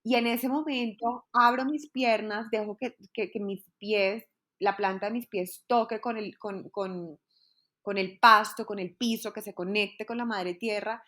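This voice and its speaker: A woman's voice: medium pitch, steady tone, a little slow, fairly bright tone. A woman, a podcast guest telling a personal story in an earnest, heartfelt way, often repeating words.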